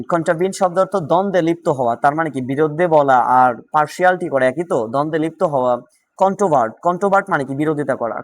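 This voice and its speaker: Male tutor, Bangladeshi Bengali accent, somewhat high voice, quick question-and-answer drilling. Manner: louder and more animated when solving questions. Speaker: vocabulary teacher. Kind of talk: exam-prep lesson.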